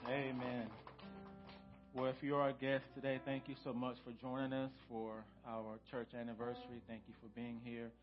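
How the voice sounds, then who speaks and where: Male pastor, medium pitch, exhorting and deliberate. Slightly muffled church recording, music underneath. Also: completely flat delivery. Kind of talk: church sermon and benediction. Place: church service. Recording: dull lo-fi sound, music behind.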